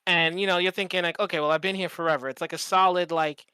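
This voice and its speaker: Speaking fast in a clean, mid-range voice with no room sound, a podcast co-host chats casually and comedically, swearing freely and acting out examples as he tells stories with animation.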